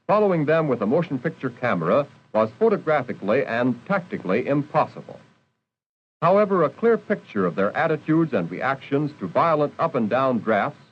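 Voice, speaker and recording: A man narrating a scripted 1940s military documentary in a formal, precise, instructive way. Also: mid-range voice. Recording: dull old film soundtrack, faint noise.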